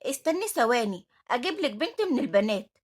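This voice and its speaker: A woman's voice: on the high side, very animated, fast talker, slightly rough. A woman with an Egyptian accent reading the part of a scheming older female supervisor, protesting defensively.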